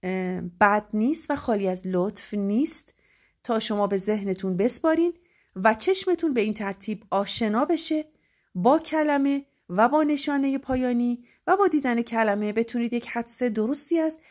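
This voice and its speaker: A woman's voice: fairly high pitch, lively intonation, darkish tone. A young woman teaching French pronunciation, spelling word endings letter by letter and then saying the sound. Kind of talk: slow spelled-out pronunciation lesson.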